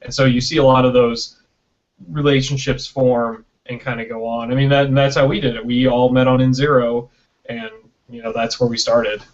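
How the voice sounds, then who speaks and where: With little pitch movement and a normal speed, a mid-range male voice belongs to an American film producer and director from Michigan, guesting casually on an online video call. He talks conversationally, checks in with "right?" and "you know" and acts out imagined quotes. The call audio is dull and lo-fi.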